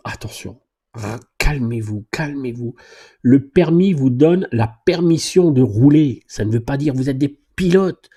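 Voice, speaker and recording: A middle-aged man, a driving instructor, answers viewers' questions live. His pitch swings widely as he jokes and reads their comments aloud. His tone is dark and a little husky. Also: moderate pace, hardly any pauses. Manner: chatty, joking, animated, reads comments aloud.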